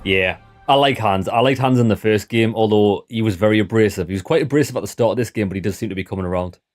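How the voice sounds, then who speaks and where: A man's voice: on the low side, fast, faint music behind. A man giving casual live gameplay commentary as a streamer, with dry, wry asides. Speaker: game streamer.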